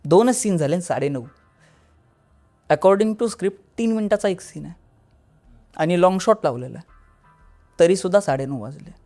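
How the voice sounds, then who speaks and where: A man's voice: high-pitched, animated, normal speed, long pauses, darkish tone, faint music behind. A man, a podcast guest, telling a first-person horror story in a conversational way, with restarts, acting out what people said. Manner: vivid, acts out dialogue.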